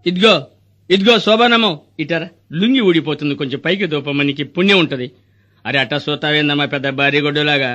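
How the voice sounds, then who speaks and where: A crafty, wisecracking village doctor. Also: male voice, fairly high pitch, sharp tone, lo-fi sound, faint music behind. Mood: mocking. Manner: rapid wisecracking, rustic dialect. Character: scheming greedy male hospital doctor, middle-aged. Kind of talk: stage comedy drama.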